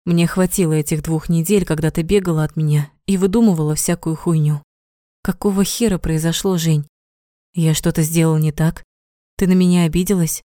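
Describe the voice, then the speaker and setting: A woman voicing a blunt, hot-tempered young man who talks gruffly and swears in a storybook reading. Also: a little high, steady tone, moderate pace, mellow, no echo, studio quality, natural voice. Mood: rough.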